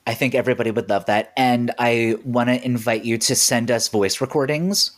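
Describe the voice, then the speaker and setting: A man's voice: medium pitch, fairly even intonation, normal speed, a bit bright. A man hosting a podcast in casual chat, rambling with lots of filler words and frequent laughs. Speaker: podcast host.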